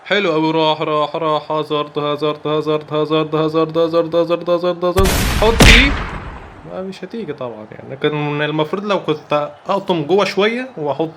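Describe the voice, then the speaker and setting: A young man with an Egyptian Arabic accent giving excitable live commentary over football gameplay, breaking into rapid repeated cries. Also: a little high, noisy background. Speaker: gaming YouTuber.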